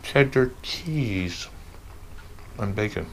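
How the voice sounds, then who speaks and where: A man's voice: fairly low pitch, lively intonation, extremely slow, a little hiss or hum, rough recording. A man casually reviewing food on a home vlog, rambling and chatty as he eats, speaking with his mouth partly full. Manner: chatty, rambling, talks while eating.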